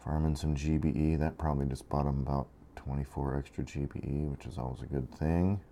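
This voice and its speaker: A man's voice: very deep voice, steady tone, fairly quick, warm tone. A tired man giving laid-back, rambling commentary over a strategy game, with frequent fillers. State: tired after being awake 23 hours. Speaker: gameplay commentator.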